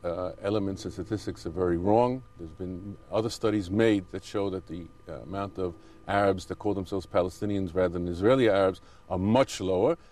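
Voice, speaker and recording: A man's voice: low-pitched, fairly quick, few pauses, a little mellow. Insistent man rebutting in an interview. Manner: insistent, rebutting, with hesitant self-corrections. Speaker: interview guest, Israeli settler. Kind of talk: argumentative interview answers.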